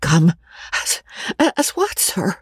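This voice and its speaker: A reader voicing a nervous, demure young woman who stammers and hesitates, with a husky tone. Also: lowish voice, huge pitch swings, slow, no echo, pitched above the performer's own voice, heavily acted. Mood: flustered.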